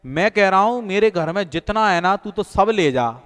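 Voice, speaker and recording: A man's voice: high-pitched, lively intonation, normal speed, a bit bright, clear, resonant tone. A man playing an eager, lavish rich householder. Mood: urging. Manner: urging, repetitive. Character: eager wealthy male house owner, lavishly generous. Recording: echoey room with long reverb.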